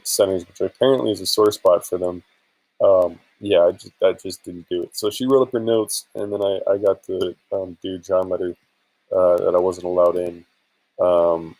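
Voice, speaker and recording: Poor audio carries a low, slightly mellow male voice with no echo. He's a vlogger and affiliate marketer making a screen-share vlog, speaking informally in a rambling, hesitant way and sounding somewhat tired.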